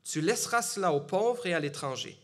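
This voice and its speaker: A middle-aged Gatineau man with a high voice and a Quebec French accent preaches in church, fairly quickly and with animation. He keeps the sermon conversational, peppered with fillers and restarts.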